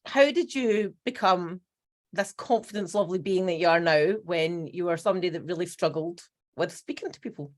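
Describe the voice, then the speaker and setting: A woman's voice: on the low side, normal speed. A middle-aged Scottish woman hosting a casual podcast chat, with a self-mocking, dramatic way of talking. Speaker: podcast host.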